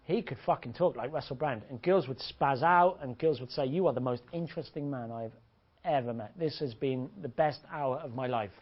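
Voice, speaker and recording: A man's voice: medium pitch, moderate pace, breathy edge. A man giving a blunt, crude, joking seminar talk as a dating coach to a room of listeners. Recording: dull lo-fi audio.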